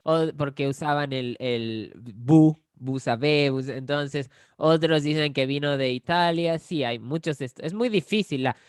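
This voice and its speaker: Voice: medium pitch, normal speed, few pauses, clear, resonant tone, no echo, studio quality. A speaker from Córdoba in Argentina with a Cordoba Argentine accent, patiently explaining Spanish grammar with examples and often checking in with the listener. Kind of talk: explanatory conversation.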